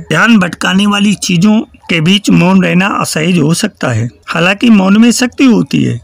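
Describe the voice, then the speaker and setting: Male spiritual teacher, high and gravelly, measured preaching delivery, dry close sound. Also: no room sound. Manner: measured, preachy, recites verse. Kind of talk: spiritual discourse.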